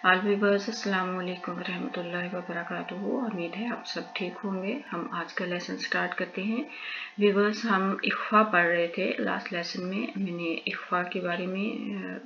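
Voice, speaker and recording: A woman's voice: lowish voice, steady tone, normal speed, gravelly, dull audio, background noise. A woman teaching Quran recitation online. She explains the lesson to viewers, then spells out letters and vowel marks syllable by syllable and joins them. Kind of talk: slow spelled-out recitation drill.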